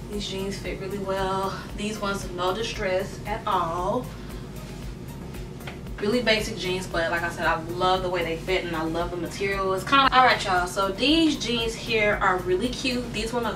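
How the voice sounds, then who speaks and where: A woman's voice: medium pitch, recorded from a distance. A young woman chatting casually through a clothing try-on in her bedroom, full of fillers and "y'all," tired and out of breath. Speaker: vlogger. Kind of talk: casual try-on haul chat. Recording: roomy echo, from off the mic.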